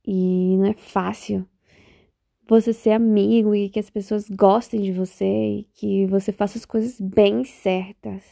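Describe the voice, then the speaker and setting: A woman's voice: mid-range voice, level tone, measured pace, gravelly, mellow, no echo, clean studio sound. A young woman from Bahia with a Bahian Brazilian accent, hosting a casual solo podcast in a rambling, reflective way that keeps interrupting itself. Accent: Bahian Brazilian Portuguese. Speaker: podcast host.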